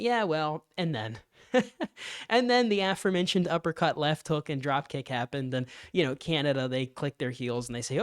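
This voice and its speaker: A man's voice: dry recording, studio quality. Emphatic sarcastic male commentator. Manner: emphatic, sarcastic, mocks opponents in high put-on voices. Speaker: political commentator. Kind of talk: opinion monologue.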